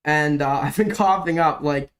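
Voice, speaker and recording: Sick with a sore throat, a young streamer coughs and cracks his way through casual drama commentary in a slightly raised, fairly bright voice. His talk is rambling, profane, and packed with fillers, sliding easily between fast and slow.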